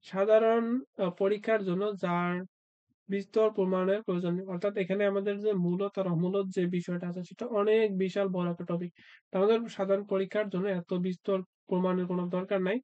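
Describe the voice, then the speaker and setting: Fast, flat-voiced male math tutor. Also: high voice, no echo, lo-fi sound. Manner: asks and answers his own questions, frequent "uh" fillers. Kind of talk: exam-prep math lesson.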